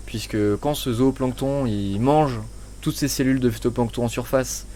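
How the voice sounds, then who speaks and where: A man's voice: mid-range voice, fairly even intonation, normal speed, mellow, a little hiss or hum. A man scientist explaining plankton migration with many hesitations.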